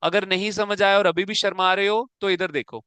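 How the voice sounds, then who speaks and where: A man lectures in a classroom, his voice high and bright with a crisp, clean edge. He coaxes the students along and keeps asking if they follow. The sound is dry and close. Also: fairly even intonation, normal speed, no room sound. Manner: coaxing, calls students "beta", keeps asking if it is clear. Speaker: accounts teacher.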